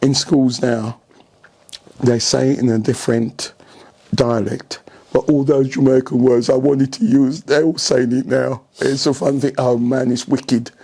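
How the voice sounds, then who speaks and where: Mid-range and slightly rough, this older Englishman speaks a little slowly. As a senior coach being interviewed, he tells lively stories, asks rhetorical questions, and keeps confirming that the listener understands.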